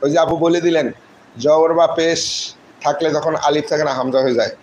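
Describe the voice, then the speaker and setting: Slow-spelling man teaching Quran recitation. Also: on the high side, steady tone, a little mellow, slight background noise, rough recording. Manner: slow syllable-by-syllable spelling drills; greets viewers by name and answers comments. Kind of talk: live online tajweed class.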